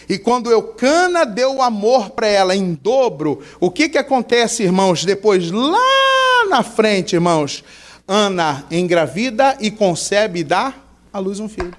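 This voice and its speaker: A high-voiced male pastor preaching with animated energy. He fires questions at the congregation and slips into little acted scenes. His tone swings from lively to hushed prayer. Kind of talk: sermon.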